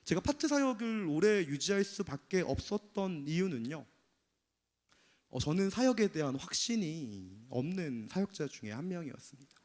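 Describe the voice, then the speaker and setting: A man's voice: fairly high pitch, big pitch swings, moderate pace, darkish tone. A man preaching a sermon as pastor, speaking earnestly and confessionally. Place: church sanctuary. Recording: long church hall reverb.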